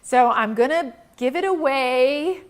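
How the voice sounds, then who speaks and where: A woman's voice: sits high, expressive, unhurried. A woman in her forties hosting a photography stream, talking in a chatty, gushing way with many restarts. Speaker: host. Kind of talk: live-streamed giveaway talk.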